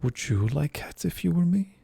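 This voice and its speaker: A small, easily offended mouse speaks in hushed, passionate bursts, as a man whispering a storybook reading puts it on. The voice is a touch higher than a plain reading, with a gravelly undertone. It is a whispered role-play, dry and close. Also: steady tone, measured pace, no echo. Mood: indignant. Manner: passionate, indignant, partly whispered. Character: shrill, touchy little male mouse.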